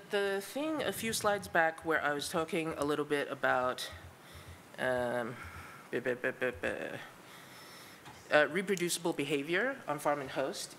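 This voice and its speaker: A woman's voice: sits low, a bit bright, a little hiss or hum. A woman speaker answering audience questions at a conference, thoughtful and hedging with fillers.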